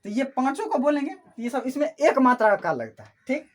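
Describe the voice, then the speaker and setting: A woman's voice: sits high, lively intonation, fairly quick. A woman teaching an online class who asks questions and answers them herself, repeating each key term.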